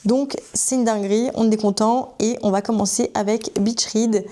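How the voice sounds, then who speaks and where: A woman's voice: fairly high pitch, steady tone, moderate pace, dark tone. A young woman in her twenties from France, chatting enthusiastically and gushingly to camera about upcoming book adaptations. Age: 20s. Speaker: book vlogger. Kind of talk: casual chat to camera.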